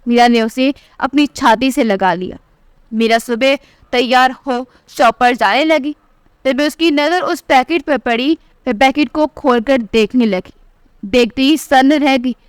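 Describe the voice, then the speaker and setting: A woman narrating a family story in the first person as a storyteller, reading every character's lines in her own voice and lifting her pitch for the quoted speech. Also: unhurried, clear, resonant tone, dry recording, studio quality. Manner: reads all the dialogue in one voice, pitch rising for quoted lines.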